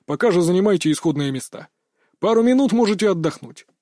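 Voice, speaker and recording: A man voicing an excited, breathless film director who gushes and shouts in an audiobook. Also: high-pitched, quick pace, no echo, clean studio sound. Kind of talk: audiobook narration.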